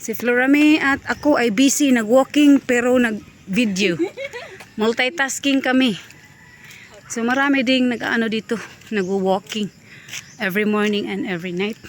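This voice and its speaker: Cebuano-accented woman vlogging on a walk, short of breath, slow and chatty, exclaiming at what she passes. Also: fairly high pitch, steady tone, a little hiss or hum. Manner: chatty, exclaims at sights along the way. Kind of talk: casual walking vlog. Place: outdoors on a hillside path.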